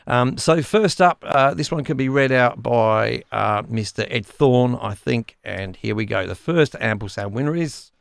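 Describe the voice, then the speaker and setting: A man hosts a relaxed livestream in a gravelly, mid-pitched voice. He rambles, restarts his sentences and laughs at his own slips. The sound is dry and close, with no room echo. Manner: chatty, stumbling over words, quick to laugh. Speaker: livestream host. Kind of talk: casual livestream chat.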